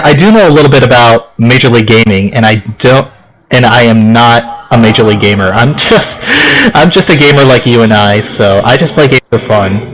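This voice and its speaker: Over game music on a rough recording, this Okinawan man's mid-range, slightly bright voice carries his let's play commentary. He reads the on-screen text aloud and rambles in a giggly, self-deprecating way.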